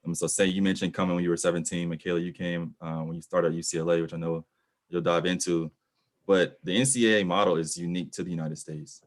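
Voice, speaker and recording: Male webinar host, very low voice, quick delivery, upbeat. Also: level tone. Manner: upbeat, scripted opening. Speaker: host, program director. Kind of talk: webinar hosting.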